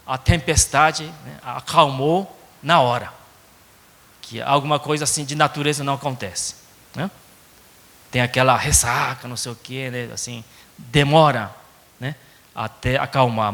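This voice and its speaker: Japanese-accented pastor preaching slowly. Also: male voice, medium pitch, gravelly, fairly bright tone, big-room sound. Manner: conversational, frequent tag questions. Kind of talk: sermon. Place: church sanctuary.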